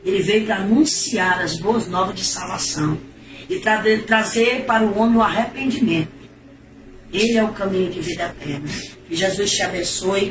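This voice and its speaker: A middle-aged woman, giving an emotional, repetitive religious testimony in a preacher-like manner. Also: medium pitch. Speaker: testimony giver. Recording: echoey, distant, noisy.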